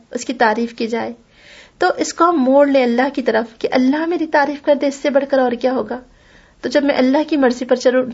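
High-voiced woman teaching a Quran class. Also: slightly rough, highs cut off. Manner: explains patiently, repeats key points, recites Arabic verses. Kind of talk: religious lesson.

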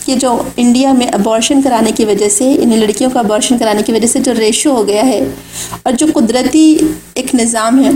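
A woman's voice: a little high, mellow, slight background noise. A woman giving an Islamic lecture, speaking in an earnest, exhorting way. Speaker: religious speaker. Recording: echoey room.

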